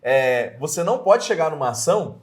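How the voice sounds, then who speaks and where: A man with a Brazilian Portuguese accent speaks in a relaxed mentoring chat. His voice sits a bit high for a man. He talks earnestly and fills his pauses with hesitant sounds. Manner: earnest, many hesitation fillers. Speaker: evangelism mentor.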